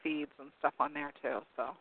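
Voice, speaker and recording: A call-in talk show host with a fairly high, hoarse voice that's giving out rambles through casual radio commentary, reading from web pages and groping for words with lots of ums. The line is narrow and tinny like a phone, dry, with a slight hiss or hum.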